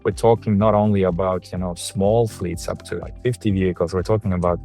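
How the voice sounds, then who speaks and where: A man from Lithuania speaks as a panelist in a low voice, earnest and halting, with frequent restarts. Faint music plays behind him. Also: steady tone, creaky, dark tone. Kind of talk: panel discussion.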